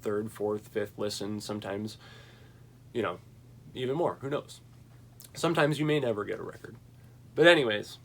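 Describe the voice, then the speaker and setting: A man's voice: medium pitch, a little hiss or hum. A young man chatting casually about his vinyl record collection, rambling and enthusiastic, with plenty of fillers.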